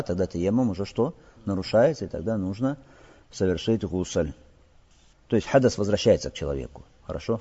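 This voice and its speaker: Explaining religious rulings to his listeners, this Islamic teacher asks rhetorical questions and frequently checks in with "all right?". His mid-range voice is mellow with a breathy edge, captured in a lo-fi recording with a long hall reverb.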